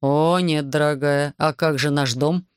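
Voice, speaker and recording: A woman reading an audiobook, voicing a calm, wealthy male plantation master who talks smoothly and patronizingly. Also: deep voice, unhurried, no echo, studio quality. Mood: unruffled.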